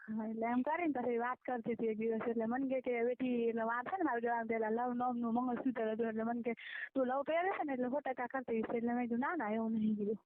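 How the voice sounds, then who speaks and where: On a private call, a young rural Gujarati-accented woman chats away, firing off questions and replaying exchanges line by line in gossip. Her fairly high voice holds a steady tone at a fast clip; the phone recording is muffled and band-limited, with no room sound.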